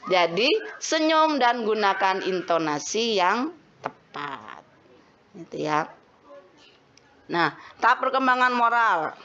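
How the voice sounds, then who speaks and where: A woman's voice: on the low side, a bit bright, muffled recording. A woman giving an explanatory parenting seminar talk to mothers. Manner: explanatory, addresses mothers as Bun. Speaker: parenting speaker.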